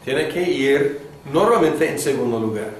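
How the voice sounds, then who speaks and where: A male teacher lectures a class at a slow, unhurried pace, pausing on fillers as he thinks aloud. His voice sits at an ordinary middle pitch. He is recorded from a distance in a strongly echoing classroom with faint background noise. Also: expressive. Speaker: Greek teacher. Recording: echoey classroom from a distant mic.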